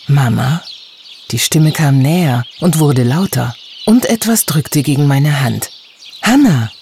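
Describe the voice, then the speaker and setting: A man narrating a children's audiobook in an expressive storytelling voice. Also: slight background noise. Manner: expressive storytelling with lively pitch.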